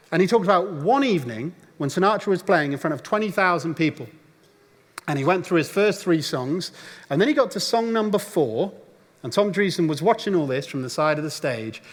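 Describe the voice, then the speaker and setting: A man preaching a sermon, telling a story and now and then acting out the voices of people in it. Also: a little high. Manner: storytelling, acts out voices of the crowd. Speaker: pastor. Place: church auditorium. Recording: long church hall reverb.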